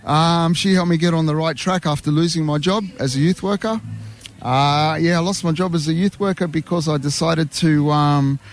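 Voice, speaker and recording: A man with a fairly high-pitched voice speaks at a moderate pace as an interview guest at an outdoor community event. A youth worker of Armenian heritage, he is talkative and rambles with lots of fillers in a casual chat.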